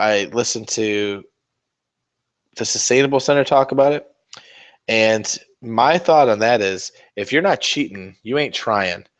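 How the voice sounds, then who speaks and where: A man livestreaming while he paints miniatures, rambling in casual, profane, teasing banter aimed at his viewers. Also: lowish voice. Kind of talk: casual chat.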